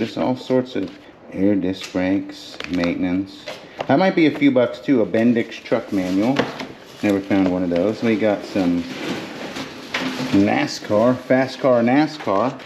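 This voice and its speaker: Going through boxes in an indoor metal storage container, a storage auction reseller narrates casually to his camera in a mid-range voice. He's chatty and joking, thinking aloud as he goes, with background noise audible.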